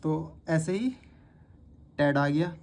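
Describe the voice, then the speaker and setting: Teacher walking beginners through shorthand strokes, recorded on a phone, with steady and patient repetition. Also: mid-range voice, slow. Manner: patient, repeats each word several times. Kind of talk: step-by-step spoken lesson.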